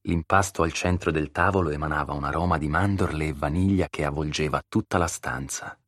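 Brief: very deep male audiobook narrator, measured and steady, dry close studio mic. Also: no echo. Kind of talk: scripted narration.

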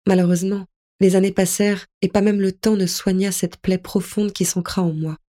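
A woman narrating a first-person audiobook in a soft, tender, melancholy way. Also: medium pitch.

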